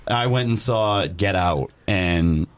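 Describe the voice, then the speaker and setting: A man's voice: low voice, slow, smooth. A man co-hosting a podcast, telling stories animatedly with lots of "like" fillers. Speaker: podcast co-host. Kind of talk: casual storytelling chat.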